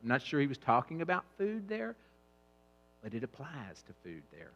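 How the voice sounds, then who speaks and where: A middle-aged man giving a humorous, animated church talk on eating habits, swinging between quiet asides and loud bursts. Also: mid-range voice, normal speed, highs cut off. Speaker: fitness trainer speaking at church. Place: church hall.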